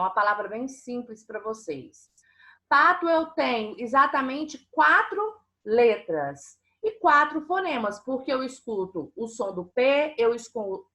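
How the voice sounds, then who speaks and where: A woman's voice: a little high, bright, forceful tone. A woman teaching a primary school class online, patiently explaining and often checking that the children follow. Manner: patient, asks frequent check-in questions.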